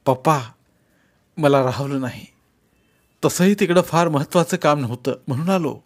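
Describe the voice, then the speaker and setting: A man's voice: on the high side, moderate pace, natural voice. A man voicing a worried, earnest grown son.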